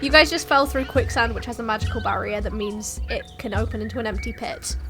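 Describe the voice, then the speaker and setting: A woman's voice: fairly high pitch, fast talker, over music. A woman running a tabletop game as game master, narrating casually and conversationally.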